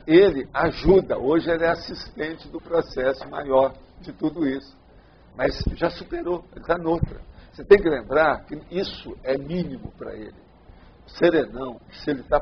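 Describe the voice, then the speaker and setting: A man with a Brazilian Portuguese accent gives a rambling lecture, answering questions and asking again and again whether listeners follow. His voice sits a little high. The recording is dull and lo-fi. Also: slight background noise. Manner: rambling, checks understanding often. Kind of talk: informal lecture Q&A. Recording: dull lo-fi sound.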